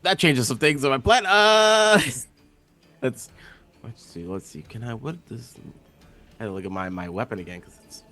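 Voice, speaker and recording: A man's voice: mid-range voice, lively intonation, normal speed, pushed and bright, faint music behind. A man playing a tabletop game, talking casually and hesitantly as he thinks aloud.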